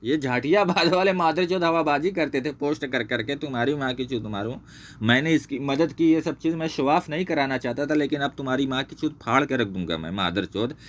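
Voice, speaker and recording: Speaking fairly quickly in a mid-range voice, a man delivers an angry, heavily profane screen-share rant exposing a former associate, repeatedly pointing at things on screen. There's slight background noise behind him.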